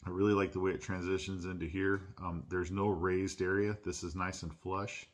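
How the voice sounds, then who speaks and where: A man hosting his own channel, unboxing and reviewing a pocket knife in a relaxed, chatty way with lots of "uh"s and restarts. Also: low voice, moderate pace. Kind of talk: casual unboxing and product review. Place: at home.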